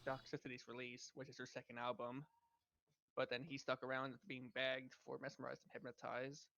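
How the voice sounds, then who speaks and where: A man's voice: medium pitch, completely flat delivery, normal speed, creaky, bright, forceful tone, highs cut off. A man as a guest on a casual podcast chat, talking hesitantly with many fillers.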